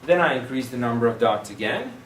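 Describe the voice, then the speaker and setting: A man's voice: mid-range voice, expressive, fast, a little hiss or hum. A man teaching a math class, explaining reasoning patiently through examples and sometimes trailing off and restarting. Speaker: math instructor. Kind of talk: recorded classroom lecture. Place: classroom or lecture room. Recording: roomy lecture room, distant mic.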